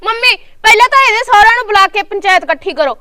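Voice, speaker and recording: A woman playing a blunt, bossy young daughter-in-law who talks quickly. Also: extremely high pitch, animated, pushed and bright, full character voice. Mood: indignant. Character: sharp-tongued young wife, quick and bossy. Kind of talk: village family drama acting.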